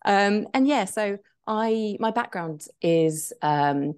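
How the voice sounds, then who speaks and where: A woman's voice: mid-range voice, animated, slow, darkish tone, clean tone. A woman in her thirties, a guest on a podcast, talks chattily with many hesitant fillers. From England. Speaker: guest, business co-founder. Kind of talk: conversational interview.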